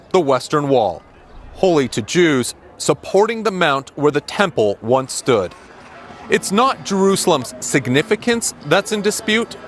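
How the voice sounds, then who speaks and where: A man delivering a field news report as a foreign correspondent, speaking outdoors in measured, formal tones. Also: fairly high pitch, fairly bright tone, a little hiss or hum. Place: outdoors on a city street.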